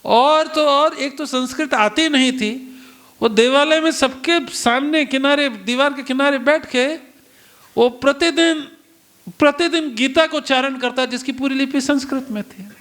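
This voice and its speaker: A man with a notably high voice delivers a devotional sermon as a story. He acts out the exchanges between the characters in the tale and turns to his listeners with rhetorical questions. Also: a little slow. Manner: animated storyteller acting out dialogue, rhetorical questions to audience. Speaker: preacher.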